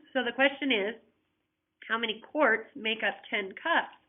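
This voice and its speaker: A woman math teacher with a slightly high voice and measured pace patiently takes students through unit conversions step by step, asking them to check along. The recorded flipped-classroom lesson sounds tinny and phone-like, and she keeps coughing.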